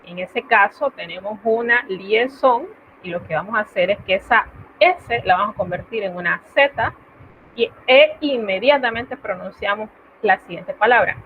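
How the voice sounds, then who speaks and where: A woman's voice: mid-range voice, normal speed. Lady teacher w latin american accent explaining french grammar on a video call, tinny sound, faint hiss. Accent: Latin American Spanish. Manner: patient, explanatory, checks in with students. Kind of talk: online class explanation. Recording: tinny phone-like line, faint noise.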